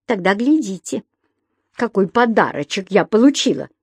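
A woman voicing a stern middle-aged landlady who scolds with shrill outbursts. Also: sing-song, normal speed, slightly rough, no echo. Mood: furious.

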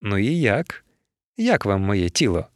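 A man's voice: on the low side, wildly swooping pitch, measured pace, dry recording, clean studio sound. A man voicing a coquettish, mocking bodiless woman's head in an audiobook. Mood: flirtatious. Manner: flirtatious, teasing.

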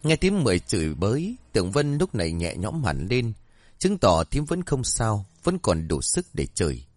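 Expressive male ghost story narrator. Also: on the low side, normal speed, dry recording.

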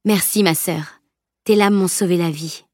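A fierce young warrior woman speaks with lifted warmth in a storybook reading, voiced by a woman. The voice is a touch higher than the narration. The sound is close and dry. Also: unhurried, no room sound, close to an everyday voice.

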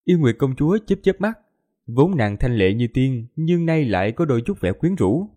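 Male audiobook narrator, warm dark tone, steady storytelling. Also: medium pitch, moderate pace.

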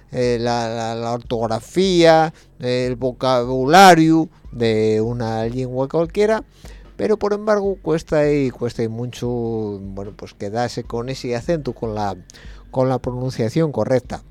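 A man's voice: mid-range voice, a little mellow. A man with an Asturian accent hosting a late-night community radio show, musing in a rambling way with slightly slurred speech and a frequent questioning tag. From Asturias, Spain.

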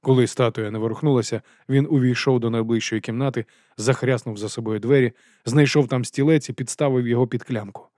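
A man narrating an audiobook in a steady, even reading voice. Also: medium pitch, quick pace, hardly any pauses, no echo, studio quality. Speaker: audiobook reader.

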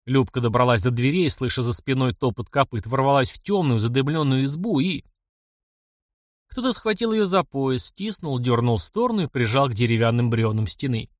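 A man narrates an audiobook with dramatic, expressive storytelling and a lively, swinging pitch. The recording is dry and close. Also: moderate pace, dry recording.

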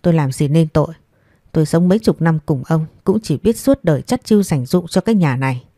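A woman's voice: low-pitched, a little fast, warm tone, no echo, clean studio sound. A woman voicing a stingy old mother-in-law who nags and scolds harshly. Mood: wailing. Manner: harsh, nagging, contemptuous.

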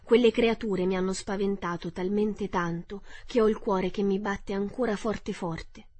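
A woman voicing a big, cowardly male lion, loud and anxious in a storybook reading, with a husky voice. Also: mid-range voice, fairly even intonation, a little slow. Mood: relieved.

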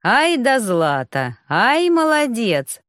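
A woman's voice: lowish voice, very animated, moderate pace, no room sound, pitched below the performer's own voice. Audiobook casting: a woman voicing a male dragon spirit, mocking and gleeful, in a dry close read. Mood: gleeful teasing. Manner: teasing, gleeful.

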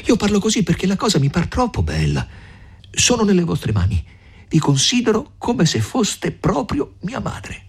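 A man's voice: wildly swooping pitch, brisk, slightly rough, exaggerated voice. A man reading an audiobook, voicing an earnest young peasant man who pleads eagerly. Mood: pleading. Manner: eager, pleading, raised pitch.

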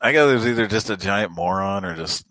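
A man's voice: fairly low pitch, expressive, brisk, a bit bright, no echo, rough recording. A man co-hosting a live stream, casual and crude, laughing often as he rambles. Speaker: co-host.

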